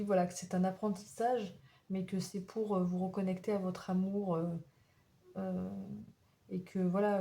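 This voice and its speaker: A woman doing a spiritual oracle card reading for her viewers, talking gently and encouragingly, often pausing to search for words. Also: on the low side. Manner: halting, searching for words as she goes.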